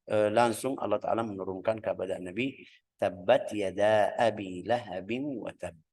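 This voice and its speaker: A man's voice: fairly low pitch, poor audio. A man from Yemen, teaching a religious lesson on the Prophet's life. He searches for words with many filler sounds and acts out calls and dialogue as he tells the story. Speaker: Islamic studies teacher.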